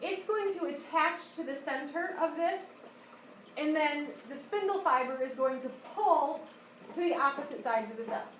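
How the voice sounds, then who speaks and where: A woman's voice: sits high, moderate pace. A woman teacher explaining a lesson to a class, often checking that they follow. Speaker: high school biology teacher. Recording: echoey classroom, distant mic, background noise.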